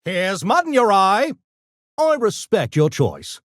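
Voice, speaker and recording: A man's voice: sits high, wildly swooping pitch, slow, no room sound, studio quality, heavily acted. A man playing a small, smug, erudite gremlin genius in a video game, with pompous, wordy, mock-genteel diction and mischievous menace. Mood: smug, urbane. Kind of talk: video game character voice lines.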